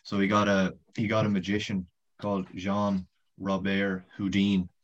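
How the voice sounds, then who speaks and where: A man with a low, deep voice chats casually as a podcast guest and winds through a long, rambling story with swearing and laughs along the way. The audio is dull and lo-fi. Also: completely flat delivery, normal speed. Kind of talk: casual chat.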